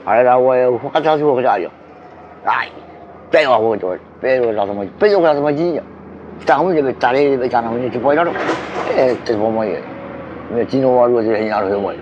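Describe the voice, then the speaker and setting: A man telling a story in a casual, halting way, full of fillers and curses. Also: mid-range voice. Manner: rambling and halting, many fillers and profanity. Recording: dull recording with faint background noise.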